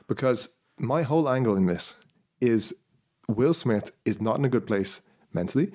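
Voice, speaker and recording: A man's voice: medium pitch, lively intonation, normal speed, a little mellow. A man co-hosting a podcast, spinning a rambling story in casual chat with many restarts. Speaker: podcast co-host.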